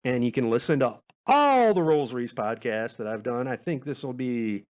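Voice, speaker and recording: A podcast host signs off his solo show in a laid-back, rambling, informal chat. His medium-pitched voice is animated and a little mellow, moving at a moderate pace.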